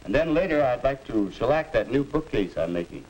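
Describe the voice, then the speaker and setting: Cheerful 1950s film dad played by a man, animated. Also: mid-range voice, brisk, a little hiss or hum, lightly acted, poor audio. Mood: genial, contented. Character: cheerful, easygoing middle-class father. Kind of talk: 1950s educational film acting.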